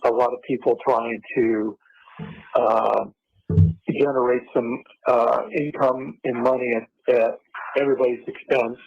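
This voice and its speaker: Slow halting older man on a muffled phone line. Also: medium pitch, little pitch movement, creaky. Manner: halting, full of uh and um fillers. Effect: heard through a phone line on speaker. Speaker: father on a jail phone call.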